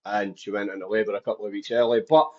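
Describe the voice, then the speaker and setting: A man's voice: on the low side, flat delivery, fast talker, darkish tone, dull audio. A man with a Dundee Scottish accent, speaking openly as a podcast guest who tells his life story. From Scotland. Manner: open, candid storytelling.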